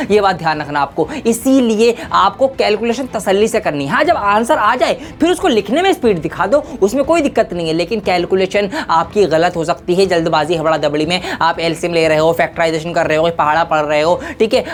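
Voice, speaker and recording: A woman teacher speaking with some English, giving students emphatic warnings about exam mistakes. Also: mid-range voice. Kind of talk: exam tips lesson.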